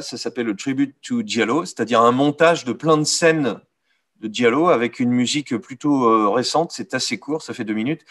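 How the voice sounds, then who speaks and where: A man with a French accent giving a live art history lecture, pausing often with fillers and correcting himself. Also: mid-range voice, a bit bright. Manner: hesitant, many "euh" fillers, self-correcting.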